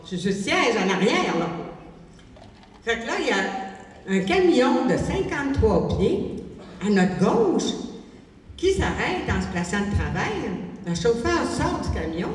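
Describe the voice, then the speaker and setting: High lively older Québécois woman on stage. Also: a little hiss or hum. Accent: Québécois French. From Quebec. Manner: animated, swooping into high exclaims. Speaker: amateur stand-up comic. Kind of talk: storytelling stand-up. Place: large theatre stage. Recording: echoey hall, far mic.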